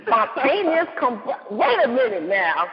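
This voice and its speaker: A woman's voice: a little high, a little slow. A woman guest author chatting casually and reacting with lots of laughter. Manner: giggly, expressive reactions. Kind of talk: casual chat. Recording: muffled with long reverb.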